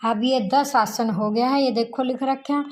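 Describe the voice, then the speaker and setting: A woman teaching tailoring in a slow, repetitive sewing tutorial, counting measurements aloud as she cuts fabric. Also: high voice, fairly even intonation, darkish tone, poor audio.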